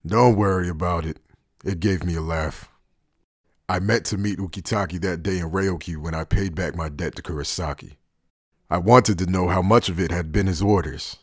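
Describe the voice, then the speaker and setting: A man in an anime fan dub voices a cynical, guarded former Soul Reaper who has become a traitor, speaking in a deep, husky, low voice. His delivery is wry, laid-back yet deliberate, with a bitter, resigned mood, and the recording is very dry and close.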